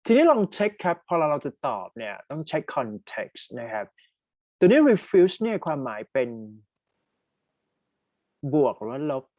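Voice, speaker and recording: Thai man teaching English, lively pitch. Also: dry recording. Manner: reads English sentences slowly, explains quickly in Thai; asks students to type answers in chat. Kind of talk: online exam-prep lesson.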